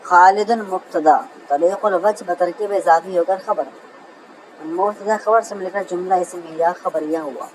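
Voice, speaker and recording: A man teaching Arabic grammar in a lecture, who keeps calling his listeners brother, reads example sentences slowly and answers his own questions. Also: high voice, fairly even intonation, slight background noise, poor audio. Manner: asks a question and answers it himself. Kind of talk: classroom lecture.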